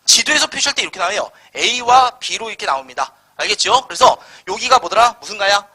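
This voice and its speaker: A man's voice: high voice, expressive, brisk, sharp tone, slightly rough. A man teaching a live history class, firing rhetorical questions at his students and answering them himself in casual, slangy speech. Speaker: Korean history lecturer.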